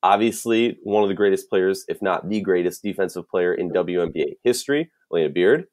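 A man's voice: low voice, a little fast, a little mellow. A man with a Minnesotan accent co-hosting a casual sports podcast, thinking aloud with lots of restarts and fillers. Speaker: podcast co-host.

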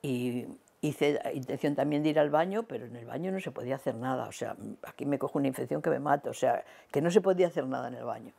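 A woman in her eighties from Spain with a Spanish accent, telling her life story in an oral history interview, slow and reflective with many pauses. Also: rumbling low, creaky, mellow, breathy edge. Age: 80s. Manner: unhurried, reflective, with many hesitations and repetitions. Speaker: interviewee recounting her past.

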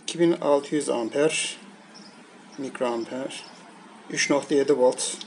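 Seated indoors at a table, a male product reviewer handles items and explains them bit by bit in a halting, unscripted way. His voice is mid-range, and the noisy amateur home recording carries clear background noise.

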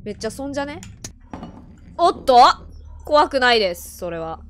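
A young woman giving casual horror game commentary into a close mic, talking bluntly in rough slang. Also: high voice, very animated, normal speed, a little hiss or hum. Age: young adult. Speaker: gaming streamer.

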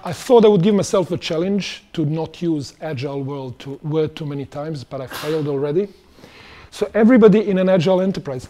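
A middle-aged conference speaker addresses a large auditorium from the stage in a conversational style, posing questions to the crowd. His voice is fairly high but dark in tone.

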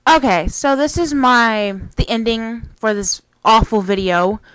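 A woman's voice: a little high, a little slow, fairly bright tone, clear, resonant tone, no room sound, rough recording. A woman vlogger in casual webcam chat, rambling and swearing freely, recorded on a cheap computer mic.

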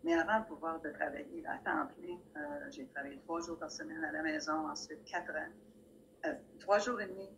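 An older woman from Montreal appears as a guest speaker at a community talk, sharing personal anecdotes as a plainspoken storyteller with wry asides. Her voice is low-pitched but fairly bright in tone. She joins by video call on a laptop camera from an indoor library room lined with bookshelves, and the audio is poor with a faint hiss.

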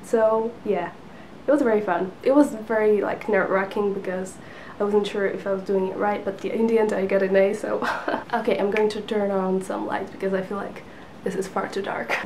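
Indoors on her lamp-lit couch, a woman in her twenties, originally a Polish speaker, talks casually to the camera for her book vlog, with the camera in front at sitting distance and plenty of fillers and little laughs. She speaks in a mid-range, darkish voice with a steady tone and moderate pace. The audio is poor, with slight background noise.

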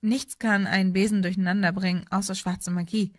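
Gruff, kindly big gamekeeper, worried mutter, dry sound, read by a woman. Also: mid-range voice, level tone, fairly quick, no echo, natural voice. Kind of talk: audiobook reading.

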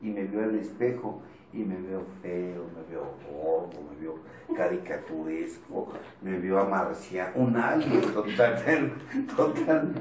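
Low-pitched and expressive, a man with a Mexican Spanish accent talks slowly as he jokes his way through a casual motivational speech for a support group. He's blunt and swears without much thought. Recorded at a distance in a roomy space, with faint noise.

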